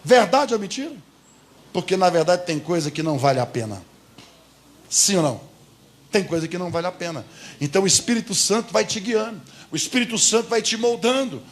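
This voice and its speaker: A man's voice: high-pitched, animated, brisk. A man with a Brazilian Portuguese accent preaching a sermon as pastor in a church, emphatic and often asking the congregation rhetorical questions.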